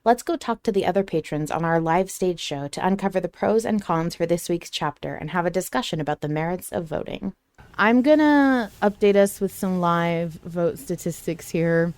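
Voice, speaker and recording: Expressive and darkish in tone, this woman's lowish voice moves at a normal speed with no echo. She co-hosts a fan podcast, casually discussing an audio drama in slang-filled chat.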